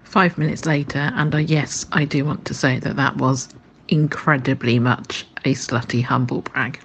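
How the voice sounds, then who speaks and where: A woman's voice: rumbling low, steady tone, moderate pace, slight background noise, poor audio. A woman leaving a casual, comic voice message as a listener.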